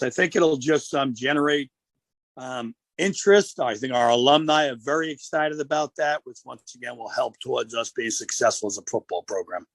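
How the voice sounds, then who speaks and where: Male football coach as a radio guest; gravelly, steady, measured delivery, dry close sound. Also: mid-range voice, no room sound.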